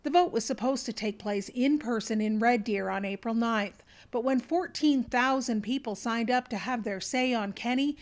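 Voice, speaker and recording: Female news reporter, Canadian accent, higher-pitched voice, scripted narration. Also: normal speed, few pauses.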